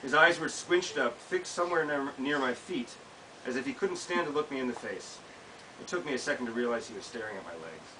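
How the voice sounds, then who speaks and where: A medium-pitched, animated man reads briskly from his own personal essay at a small indoor bookshop. He's an American author in his thirties, and the camera several feet away gives a distant recording with background hiss.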